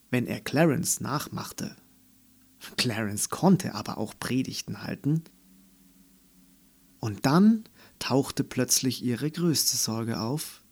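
A man narrating a children's storybook in a calm, unhurried reading voice. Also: medium pitch, husky.

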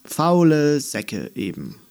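A man voicing a grumpy, greedy, fat male non-unicorn in a storybook reading, grumbling gruffly. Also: on the high side, wildly swooping pitch, slow pace, darkish tone, pitched above the performer's own voice, full character voice.

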